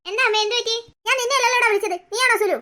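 A voice actor playing a hot-tempered, possessive old grandmother in a cartoon story, who scolds and threatens quickly. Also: extremely high pitch, fairly even intonation, heavy background noise. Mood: angry.

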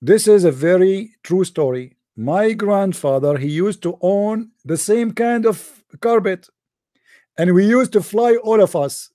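Man, sarcastic deadpan commentary, high voice, dry close sound. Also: measured pace, dry recording. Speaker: host. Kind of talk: sarcastic commentary over a text.

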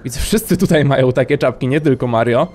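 A man's voice: medium pitch, quick pace, darkish tone, a little hiss or hum. A man commentating on his own video game playthrough, making joking, sarcastic asides as he plays. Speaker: let's play host. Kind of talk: gameplay commentary. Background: game music.

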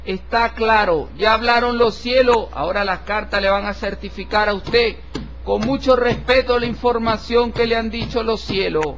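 A man with a very high voice reads out a tarot horoscope, solemn and formal, speaking to the listener with deliberate respect. The recording is dull and lo-fi with a faint hiss underneath. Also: fairly even intonation, fairly bright tone. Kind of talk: horoscope reading over tarot cards.

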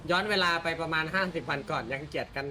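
A man talking in character as a gang leader in an online role-play game, calm and taunting. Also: on the high side, quick pace, a little hiss or hum.

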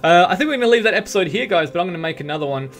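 Excitable man doing game commentary. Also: sits high, racing. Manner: excitable, jokey, often laughing and shouting at the game. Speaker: gaming video host. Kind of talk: let's play commentary. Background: game music and gunfire.

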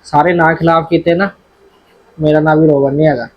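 A woman's voice: deep voice, steady tone, brisk, muffled recording, lightly acted. A woman playing a defiant, scheming young man in a family short film. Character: quarrelsome young man, the younger brother-in-law.

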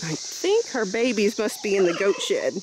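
Walking her farm at sunset, a woman in her thirties narrates a casual vlog in a chatty, cheerful manner, holding her phone camera at arm's length. She has an Ozark American accent and a medium-pitched, sing-song voice at a moderate pace. Crickets and insects sound clearly in the outdoor background.

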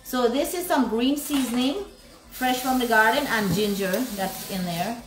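A woman's voice: on the high side, a little slow, echoey room, over music, rough recording. Effusive woman hosting a cooking stream. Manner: effusive, greets viewers with "big love". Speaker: cooking vlog host. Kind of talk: live cooking demonstration with viewer shout-outs.

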